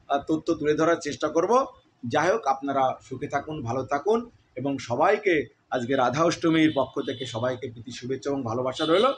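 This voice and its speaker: A man's voice: fairly high pitch, a little hiss or hum. A man explaining how to chant on prayer beads, stopping to demonstrate the chant and making earnest appeals to his viewers. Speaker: devotional YouTuber.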